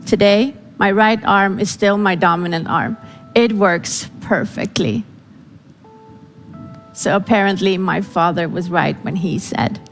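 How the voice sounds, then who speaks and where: In a large event hall, a woman whose first language is Farsi gives a dramatic storytelling speech, acting out the voices of the people she quotes. Her voice is mid-range.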